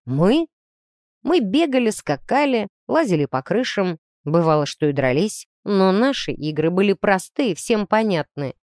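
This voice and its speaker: A woman's voice: medium pitch, very animated, unhurried, a little mellow, dry recording. A stern uncle with a strict, reproachful manner, read by a woman narrator in a storybook. The voice rises and falls a lot, and the recording is dry and close. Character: stern adult man, an uncle.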